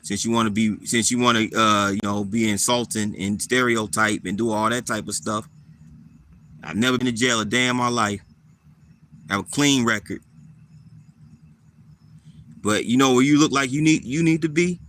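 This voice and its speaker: A man casually talking to his live chat viewers, relaxed and repetitive, answering people by name. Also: mid-range voice, normal speed, pauses often. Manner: laid-back, repeats himself, answers viewers by name.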